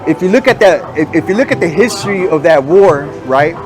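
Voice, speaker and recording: High-voiced man questioning on the street. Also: animated, brisk, over music. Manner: persistent, questioning, mixes in Spanish phrases. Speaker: street interviewer. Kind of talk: casual street conversation.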